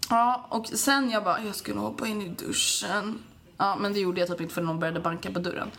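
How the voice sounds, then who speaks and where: A young woman co-hosting a casual chat, telling a story in an animated way, laughing and acting out the voices of other people. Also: medium pitch. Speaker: co-host.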